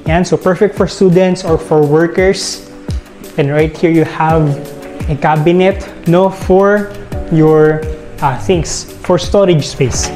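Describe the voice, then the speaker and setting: A man with a Filipino accent narrates a property tour, strolling from room to room and ticking off fixtures with little tags like "yan" and "no". His voice sits a bit high for a man. The sound rings through large, bare rooms, with soft music playing underneath. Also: echoey room, long reverb tail. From Philippines. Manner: walking while narrating, listing features with frequent "yan" and "no" tags. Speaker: real estate tour guide. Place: large empty house, indoors.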